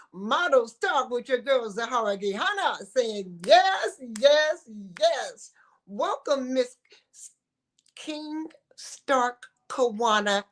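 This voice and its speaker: A woman's voice: fairly high pitch, fairly bright tone. A woman hosting a casual chat show in an effusive manner, full of endearments and repeated phrases. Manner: effusive, uses affectionate address and repeats phrases. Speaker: talk show host.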